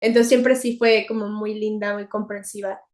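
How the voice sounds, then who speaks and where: A young woman with a Mexican accent, co-hosting a podcast in a chatty, animated way and laughing often. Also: medium pitch, normal speed. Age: young adult. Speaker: podcast co-host. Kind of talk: casual chat.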